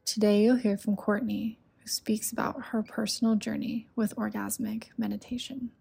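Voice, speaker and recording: Woman podcast host, husky and flat, calm scripted intro. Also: medium pitch, moderate pace.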